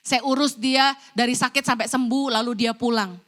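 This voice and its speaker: A middle-aged woman preaching a church sermon, telling a personal story in an animated way and acting out the lines people said to her. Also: a little high, normal speed. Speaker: evangelist preacher.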